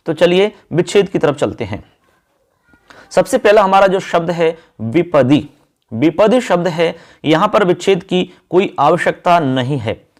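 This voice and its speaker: A male teacher giving an exam-focused lesson, calling his viewers friends and children and chanting verses slowly. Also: fairly high pitch.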